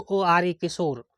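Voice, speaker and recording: A woman's voice: lowish voice, fairly bright tone, husky, no room sound. A woman teacher giving a spelling lesson, sounding out words letter by letter and checking that the pupils follow. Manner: asks checking questions of the pupils. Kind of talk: classroom-style spelling lesson.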